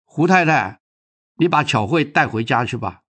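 A man voicing a calm school principal who speaks in a measured, reassuring way in a storybook reading. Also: medium pitch, slightly rough.

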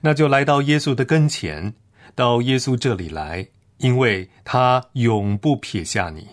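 A man's voice: mid-range voice, animated, measured pace. Earnest solemn male preacher. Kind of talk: read sermon.

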